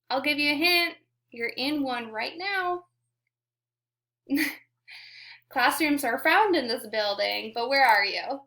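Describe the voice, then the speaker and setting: In a high, sharp voice, a woman teacher reads a picture book to little kids. She keeps asking them questions, cheering them on, and praising them often and repeatedly.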